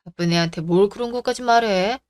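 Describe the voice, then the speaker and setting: A woman playing a gentle, self-effacing older mother in a radio drama, soft and reassuring. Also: mid-range voice, a little fast, clean tone, close to an everyday voice. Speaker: sick mother.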